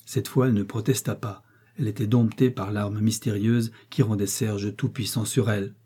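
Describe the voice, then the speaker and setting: A man narrating a novel as an audiobook in a steady, measured way. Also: lowish voice, breathy edge.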